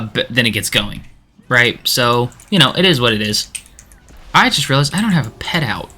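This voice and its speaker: Bright-voiced man rambling while gaming. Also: mid-range voice. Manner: rambling, chatty, lots of fillers and restarts. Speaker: gaming streamer. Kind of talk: casual chat while playing.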